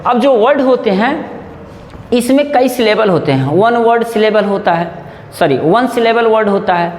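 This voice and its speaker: A man's voice: sits high, lively intonation, a little mellow. A man teaching basic English grammar in a casual lesson, repeating words and drawing out their sounds, a little nervous. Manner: slow, repeats and spells out sounds. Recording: echoey room with long reverb.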